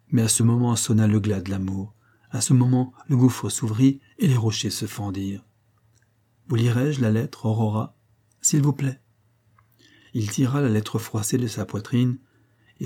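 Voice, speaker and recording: A man reads a classic novel aloud in a measured, solemn delivery. His voice sits low and mellow, with a husky texture. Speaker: audiobook narrator. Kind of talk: literary audiobook narration.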